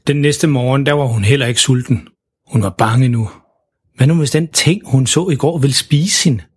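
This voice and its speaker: A man's voice: mid-range voice, a little mellow, breathy edge. A man narrating a children's story in simple, plain storytelling.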